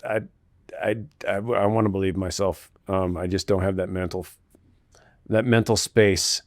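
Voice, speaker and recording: A man's voice: deep voice, fairly even intonation, normal speed, dry recording, studio quality. A man hosting a podcast interview, laid-back and asking short friendly questions. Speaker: podcast host.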